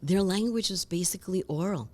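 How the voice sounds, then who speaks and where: A woman from Rico, a guest telling lively stories in an interview and acting out other people's voices. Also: on the low side, a little fast. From Puerto Rico. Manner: animated, acts out voices and accents in stories. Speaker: guest speaker. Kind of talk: conversational interview storytelling.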